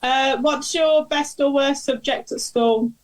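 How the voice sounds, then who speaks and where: A woman with a Birmingham accent casually asking quick-fire questions on a chat show. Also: sits high, fairly even intonation, rough recording. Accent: Birmingham (Brummie).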